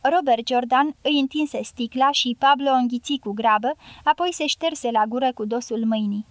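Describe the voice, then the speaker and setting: A woman narrating an audiobook in an even, measured reading, close to the mic. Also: sits high, no room sound. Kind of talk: scripted narration.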